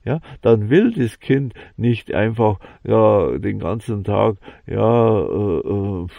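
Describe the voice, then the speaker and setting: A man giving a slow, halting spiritual monologue, full of fillers and restarts. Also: on the low side, animated, gravelly, no echo, narrow, tinny audio. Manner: halting, many fillers and repeated "ja"; slow, ponderous musing.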